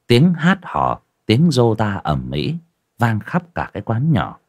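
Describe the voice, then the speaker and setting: Deep-voiced storyteller. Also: male voice, wildly swooping pitch, slow pace, a little mellow. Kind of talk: scripted story narration.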